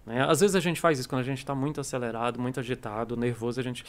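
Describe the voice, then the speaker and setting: Fast-talking Brazilian man telling stories. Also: mid-range voice. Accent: Brazilian Portuguese. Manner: animated storyteller, acts out quoted dialogue. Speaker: English teacher and school coordinator. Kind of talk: casual podcast chat.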